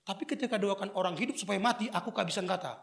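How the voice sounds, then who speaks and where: A male pastor, preaching a humorous sermon with stories and shouted prayers. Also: sits high, rapid-fire, gravelly. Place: church service.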